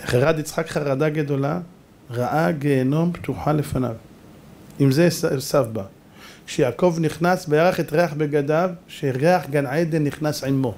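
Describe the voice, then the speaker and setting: Rabbi, high voice, dramatic preacher who acts out voices and shouts to drive points home. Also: male voice, a little hiss or hum. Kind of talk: animated Torah sermon.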